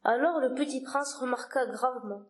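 A woman reading the narration of a storybook aloud in a calm, measured way. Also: sits high. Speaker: reader.

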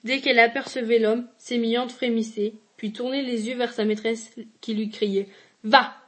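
A woman reads a literary short story aloud in a fairly high voice. Her delivery is measured and steady, with the odd slip where she backs up and restarts a word. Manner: measured reading with occasional slips and restarts. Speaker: reader.

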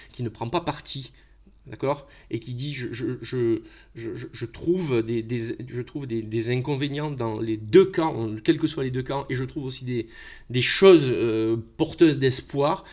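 A middle-aged Frenchman hosts an improvised podcast on his own, thinking out loud with plenty of fillers and repeated words. His voice is mid-range and a little mellow.

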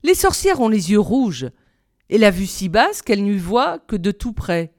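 A woman reading a fairy tale aloud in a measured, expressive storybook style. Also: medium pitch, dry recording, clean studio sound. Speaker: reader.

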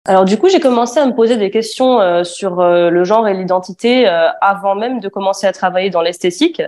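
A woman in her twenties from Afghanistan gives a spoken personal testimony in a mid-range, somewhat dark voice at a fairly quick pace. She sounds hesitant, with many fillers and restarts.

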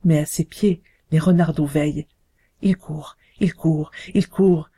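A woman's voice: low-pitched, fairly even intonation, normal speed, warm tone, breathy edge. A woman reading a story aloud in a lyrical, incantatory way, repeating phrases like a chant. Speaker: narrator.

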